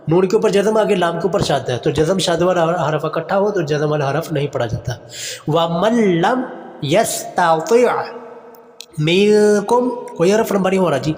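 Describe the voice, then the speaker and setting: A male Quran teacher giving a recitation lesson, drawing out slow chanted phrases and then explaining in quick, plain speech. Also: fairly high pitch, darkish tone, in a large hall.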